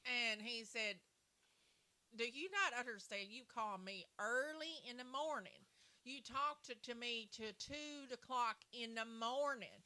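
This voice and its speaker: A woman's voice: on the high side, measured pace, bright, forceful tone. A woman telling a long, rambling personal story on a livestream, circling back with "so anyway.". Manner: rambling, repeats "so anyway" and "and everything". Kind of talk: casual storytelling.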